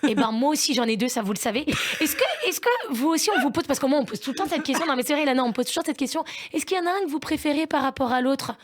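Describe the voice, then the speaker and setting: A woman's voice: sits high, very fast, hardly any pauses. A woman, delivering a playful, self-mocking comic column on morning radio and acting out family scenes. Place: radio studio.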